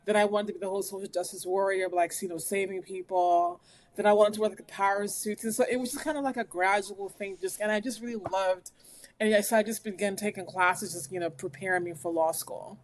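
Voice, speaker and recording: Woman, 40s, interview guest, animated rambling storyteller. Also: mid-range voice, fairly quick. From United States, West African family. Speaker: guest, lawyer and speaker. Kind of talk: conversational interview. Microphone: remote recording.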